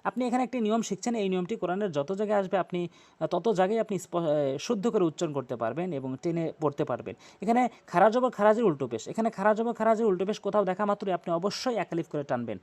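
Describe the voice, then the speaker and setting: A man with a Bangladeshi Bengali accent teaching tajweed, spelling Arabic letters out slowly and chanting verses in long drawn-out tones. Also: high-pitched, expressive, a little mellow. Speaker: Quran recitation teacher. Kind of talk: tajweed lesson with recitation.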